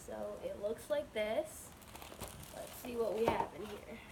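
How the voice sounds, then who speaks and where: Female unboxing vlogger, unhurried and bubbly, sounds a bit sick, some background noise. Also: a little high. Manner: gushing, bubbly, drawn-out words. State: slightly sick, with a cold. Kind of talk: casual excited unboxing chat.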